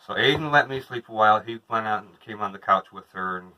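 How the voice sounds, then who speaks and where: A man's voice: lowish voice, fast talker, highs cut off. A man in his thirties, a vlogger, chatting casually to a camera across from him inside a small trailer. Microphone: camera a couple of metres away.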